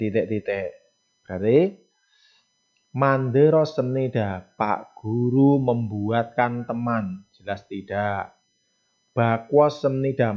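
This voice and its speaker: A man talks through test answers in a relaxed, chatty teaching voice, slipping in local phrases as he goes. His voice sits at an ordinary middle pitch. The sound is dull and somewhat lo-fi. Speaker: Korean language teacher. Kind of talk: casual explanation of test questions.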